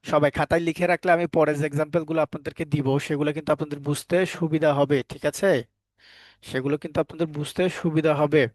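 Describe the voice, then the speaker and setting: A man leads a live online English class, teaching letter sounds. His voice sits a little high, and the sound is dry and close to the mic. He keeps quizzing the students and turns firm when they misbehave. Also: flat delivery, quick pace, no echo. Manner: repeats questions to students, firm and scolding at times.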